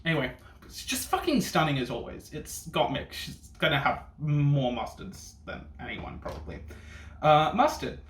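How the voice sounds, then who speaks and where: A reviewer hosting a ranking video gives casual reaction commentary in a slightly high, fairly bright man's voice. His delivery is sassy and bitchy in drag-queen style, packed with camp slang and swearing. The room sounds echoey, with faint background noise.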